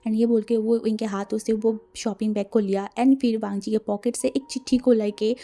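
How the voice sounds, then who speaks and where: A woman's voice: fairly high pitch, steady tone, normal speed, mellow. A woman casually retelling a fan fiction story, mixing in English words and acting out the dialogue.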